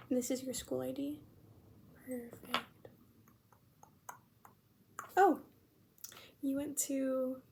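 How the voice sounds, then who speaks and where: Soft, high American woman, ASMR role-play. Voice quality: soft-spoken, breathy near-soft voice. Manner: gentle, unhurried library soft voice. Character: friendly, chatty young female librarian. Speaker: ASMR performer playing a librarian at checkout. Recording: faint background noise.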